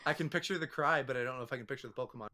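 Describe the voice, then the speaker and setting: A young man as a guest in a casual gaming chat, thinking aloud with fillers and making squeaky sound effects. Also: racing, sharp tone.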